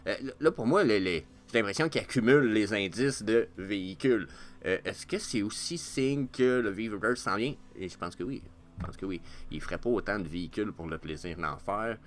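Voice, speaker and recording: Casting: lowish-voiced Quebec French guy, excitable vlogger, cusses and stumbles through fillers. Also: moderate pace. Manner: excitable, swears freely, many fillers. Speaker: NFT market vlogger. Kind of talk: casual market commentary.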